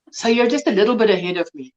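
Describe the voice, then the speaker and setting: Lively, chatty woman in her fifties. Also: mid-range voice, dull audio. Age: 50s. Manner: chatty, reads and answers viewers' comments, laughs often. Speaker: host of a live crochet chat. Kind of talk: casual live-stream chat.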